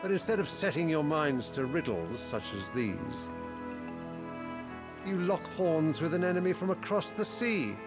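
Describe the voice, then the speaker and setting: An actor playing a stern, imperious emperor with a haughty, oratorical manner in a fantasy video game. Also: male voice, a little high, big pitch swings, a little slow. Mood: indignant, commanding. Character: stern, imperious emperor scolding his councillors. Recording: game audio under clear music.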